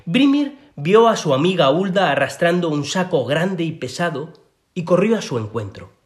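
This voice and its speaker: A man reading a children's story aloud as narrator, in an expressive way. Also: on the high side, moderate pace. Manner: expressive, sing-song reading.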